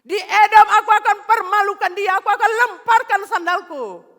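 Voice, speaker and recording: A woman preacher voicing God as a mighty, triumphant divine king, proclaiming slowly and loudly. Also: big-room sound. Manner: booming, drawn-out proclamation.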